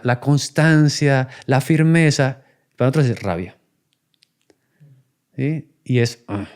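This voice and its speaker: A man's voice: medium pitch, a little mellow. A man, talking in a reflective, conversational way as a podcast guest, acting out children and parents in his examples. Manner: acts out child and adult voices in examples.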